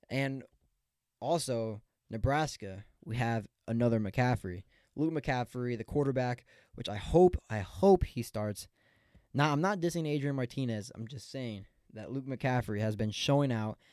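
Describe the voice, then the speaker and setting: A man's voice: medium pitch, dark tone, smooth, dry recording, clean studio sound. A man hosting a podcast, recapping football games in a rambling, opinionated way with many fillers and restarts. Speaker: podcast host. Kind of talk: casual sports recap.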